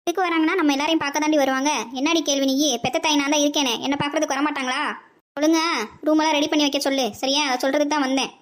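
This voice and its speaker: A woman's voice: high-pitched, little pitch movement, racing, natural voice. A woman voicing a bossy older mother-in-law in a cartoon, scolding and nagging.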